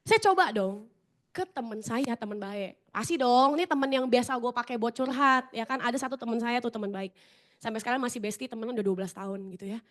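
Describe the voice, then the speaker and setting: A woman's voice: fairly high pitch, quick pace. A woman telling her sales story in a chatty motivational talk, often turning to the audience.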